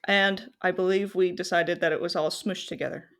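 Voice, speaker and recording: A woman's voice: on the low side, fairly even intonation, moderate pace. Upbeat woman podcast guest. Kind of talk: casual podcast chat.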